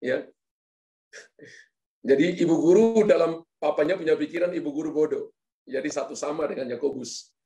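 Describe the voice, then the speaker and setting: A man's voice: on the high side, moderate pace, long pauses, warm tone, roomy sound. A male pastor preaching a sermon, telling a funny story and speaking directly to the congregation. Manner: playful, addresses congregation directly. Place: church.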